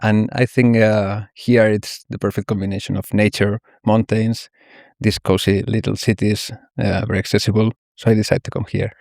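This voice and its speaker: A man's voice: lowish voice, flat delivery, moderate pace, gravelly, a little mellow, no room sound, clean studio sound. A man who is a guest on a podcast, speaking hesitantly and searching for his words. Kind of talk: podcast interview.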